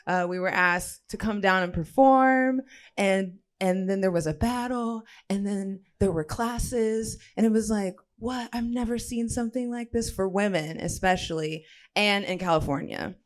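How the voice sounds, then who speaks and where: A woman moderating a live panel at an event, talking casually and upbeat with a handheld mic. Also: medium pitch. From Los Angeles. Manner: casual, upbeat, quick asides. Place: event venue. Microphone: handheld mic passed around.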